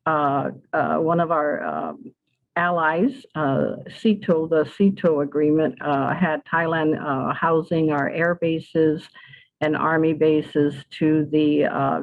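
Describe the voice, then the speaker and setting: A woman from Southern California in her sixties, an ESL teacher presenting on a video call, hesitant with many fillers and restarts. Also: deep voice. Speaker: adult school ESL teacher presenting a webinar. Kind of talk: casual spoken presentation over video call. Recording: tinny phone-like audio.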